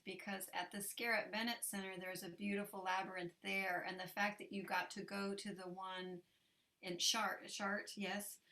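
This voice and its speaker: A woman's voice: mid-range voice, pushed and bright. A woman hosting a conversational interview, restarting her phrases as she thinks aloud. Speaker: interviewer, host.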